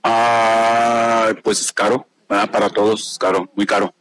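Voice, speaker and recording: A man from Texas answers a street interview outdoors. His voice is low and flat, and it is recorded dry. He keeps his answers short. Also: a little slow, no room sound, poor audio. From Texas, United States. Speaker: football fan in street interview. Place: outdoors on a busy avenue.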